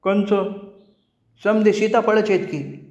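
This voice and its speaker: Scared whiny little village boy, voiced by a male storyteller, rural Marathi dialect, pitched up, roomy sound. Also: little pitch movement, slow pace, darkish tone. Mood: puzzled. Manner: pleading, whiny. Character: timid small village boy, easily frightened. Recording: roomy echo.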